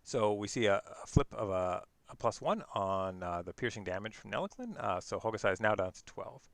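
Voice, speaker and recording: Low gravelly man commentating casually. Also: a little fast, dry recording. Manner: relaxed, laughs easily, self-correcting. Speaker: game commentator.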